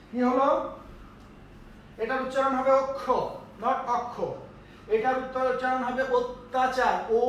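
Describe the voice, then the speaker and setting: High-voiced male teacher in echoey room. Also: fairly bright tone, distant mic, a little hiss or hum. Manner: explains step by step, often checks understanding. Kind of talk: classroom lecture on pronunciation.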